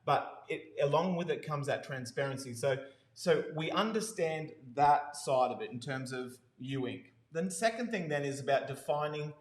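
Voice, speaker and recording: A man's voice: on the high side, expressive, normal speed. A man co-hosting a casual marketing chat, talking enthusiastically with lots of "you know" and restarts. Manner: enthusiastic, full of fillers and restarts. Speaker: co-host. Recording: roomy echo.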